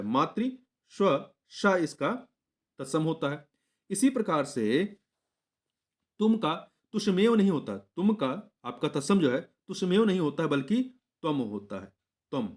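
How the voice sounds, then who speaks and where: A young man teaching exam preparation, going through test questions one by one, patiently repeating each answer and correcting himself mid-word. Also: a little high. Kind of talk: explaining Hindi test answers.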